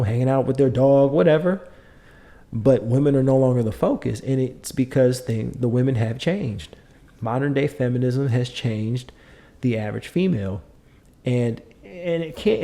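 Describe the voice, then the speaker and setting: Middle-aged male podcast host; mid-pitched, warm dark timbre; emphatic, repetitive, lecturing delivery. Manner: emphatic, lecturing, repeats points. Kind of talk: opinionated monologue.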